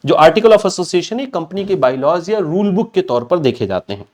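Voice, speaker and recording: Guy teaching online exam prep, chatty, keeps checking everyone gets it, voice a little high. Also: very animated, moderate pace, a little mellow. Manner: chatty, repeats points and checks in with students. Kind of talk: online banking law lecture.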